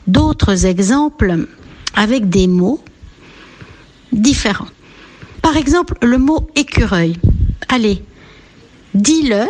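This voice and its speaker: A woman teaching a radio lesson for young children, speaking gently with encouraging leaps in her voice. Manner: slow, gentle, lilting teacher voice with big pitch leaps to encourage. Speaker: preschool teacher.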